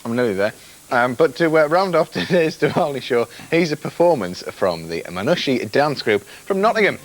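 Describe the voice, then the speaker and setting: A man presenting a children's TV show, wrapping it up with a lively, bouncy delivery. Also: mid-range voice, moderate pace, faint music behind. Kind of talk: casual chat, show sign-off.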